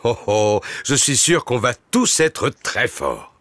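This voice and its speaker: A man's voice: medium pitch, wildly swooping pitch, slow pace, fairly bright tone, no echo, exaggerated voice. A man voicing a jovial, kindly, overconfident daddy pig in a preschool cartoon dub, with a hearty, reassuring manner. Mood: reassuring, confident.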